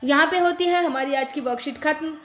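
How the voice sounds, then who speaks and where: A woman with an Indian accent teaching a children's phonics lesson, repeating words slowly for the children to say back. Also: high-pitched, fairly bright tone. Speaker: primary school teacher. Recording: echoey room with faint music.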